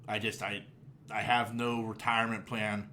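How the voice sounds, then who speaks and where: A man's voice: lowish voice, flat delivery, moderate pace, bright, forceful tone, a little hiss or hum. A man in his forties hosting a podcast, chatting casually, rambling with lots of fillers, restarts and swearing. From Pittsburgh area. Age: 40s. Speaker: podcast host. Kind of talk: casual chat.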